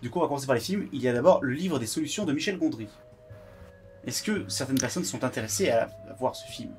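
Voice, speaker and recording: A man hosting a casual reaction show in a blunt, excitable, slangy way. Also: medium pitch, fast talker, over music. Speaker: host.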